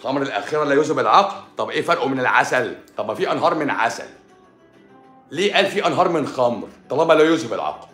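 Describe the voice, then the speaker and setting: A man's voice: medium pitch, animated, very fast, fairly bright tone, reverberant, soft background music. A man with an Egyptian Arabic accent, a doctor answering viewers on a live stream in a sarcastic, scolding, rhetorical way.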